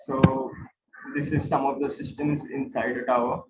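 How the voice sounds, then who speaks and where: A man with an Indian accent gives an informal explanatory lecture to students, acting as instructor and guide and repeating phrases for emphasis. His medium-pitched voice is flat and at normal speed. The audio is very noisy, roomy, and tinny, like a phone-based online class.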